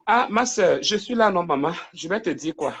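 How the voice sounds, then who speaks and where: A man's voice: high-pitched, lively intonation, normal speed. A man hosting a casual livestream from home into a phone, talkative and teasing, with his voice sometimes drifting away from the mic. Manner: talkative, teasing, switches to quiet aside on phone calls. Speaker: livestream host.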